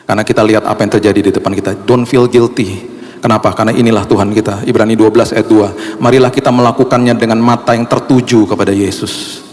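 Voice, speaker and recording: Impassioned pastor in a reverberant hall. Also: male voice, fairly even intonation, fast. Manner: emotional, rises high and loud when stirred. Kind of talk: sermon. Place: church hall.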